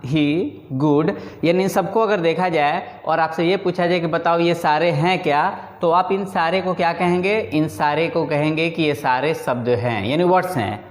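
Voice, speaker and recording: A man's voice: a little high, moderate pace, few pauses. A man teaching a grammar lesson in a classroom, explaining step by step and often checking in with his students. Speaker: English teacher. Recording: echoey room with long reverb.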